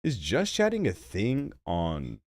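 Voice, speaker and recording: This young man, a streamer who hosts a gaming channel, talks slowly during casual live-stream chat, rambling and joking about himself. He's got a stuffy nose and hiccups, and his animated voice jumps suddenly in pitch. Dry recording.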